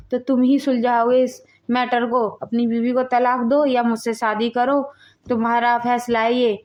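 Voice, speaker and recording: A woman's voice: sits high, darkish tone, close to an everyday voice. A woman plays an angry, threatening pregnant girlfriend in a home-made family drama. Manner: accusing, threatening.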